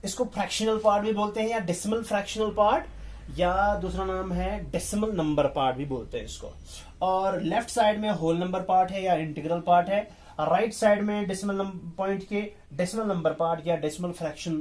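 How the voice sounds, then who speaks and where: Slow, repetitive male math teacher. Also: high voice, darkish tone. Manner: slow and repetitive, often checking understanding. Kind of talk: explaining a math lesson, mixing in English terms.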